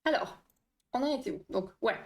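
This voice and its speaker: A woman's voice: on the high side, expressive, normal speed, a little hiss or hum. Chatty woman hosting a livestream. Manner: chatty, laughs often, reads chat aloud. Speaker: livestream host. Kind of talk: casual livestream explanation with quiz.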